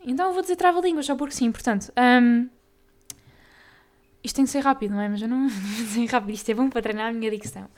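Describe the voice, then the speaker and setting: A young woman with a European Portuguese accent, hosting a casual solo podcast, talking fast and tripping over tongue twisters. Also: fairly high pitch, a little mellow. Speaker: podcast host.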